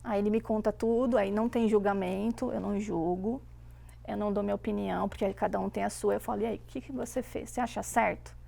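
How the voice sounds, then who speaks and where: A woman in her thirties, chatting casually as a mother and telling stories with lively quoted voices. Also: mid-range voice, quick pace, gravelly. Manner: animated storytelling with voiced quotes. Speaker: guest mother. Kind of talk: casual chat.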